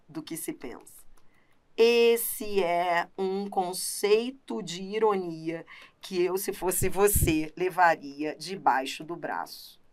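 Uma professora com sotaque brasileiro dando uma aula de gramática animada e enfática, falando direto com o aluno. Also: female voice, fairly low pitch, clear, resonant tone. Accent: Brazilian Portuguese. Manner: animated, emphatic, talks straight to the student. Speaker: teacher. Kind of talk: lively grammar lesson.

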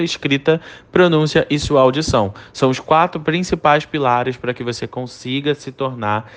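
A man teaching an English lesson online, a native Portuguese speaker, lively and drilling each English word slowly for the learner to repeat. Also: medium pitch.

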